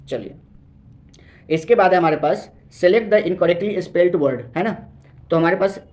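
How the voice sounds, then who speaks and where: A man teaching an exam-prep English lesson, asking the viewer questions and answering them, reading English sentences out slowly. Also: on the high side, a little mellow. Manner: repeats key words as questions to the viewer.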